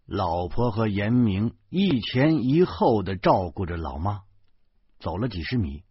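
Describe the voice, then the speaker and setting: A man with a Beijing accent tells a story slowly in a lively, swinging voice that dips low at times. The sound is dry and a little dull, with nothing around it. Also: slightly rough, no echo. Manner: lively, dramatic storytelling in Beijing colloquial speech. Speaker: audiobook narrator. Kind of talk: storytelling narration. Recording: muffled, dry close recording.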